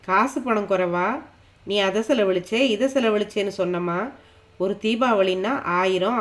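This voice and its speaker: A woman's voice: mid-range voice, lightly acted. A woman reading an audiobook voices a stern older mother-in-law who lectures and reproaches her daughter-in-law.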